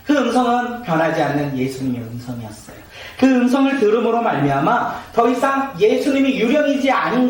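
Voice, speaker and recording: A man preaching as pastor, asking the congregation rhetorical questions and leading them in reading aloud. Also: high-pitched. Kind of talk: sermon. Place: church sanctuary. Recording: roomy echoey sanctuary, mic at a distance, faint noise.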